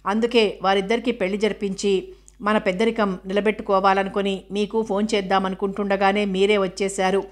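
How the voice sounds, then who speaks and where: Woman reading as calm aunt, measured, steady, flat delivery, audiobook novel. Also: mid-range voice, lightly acted.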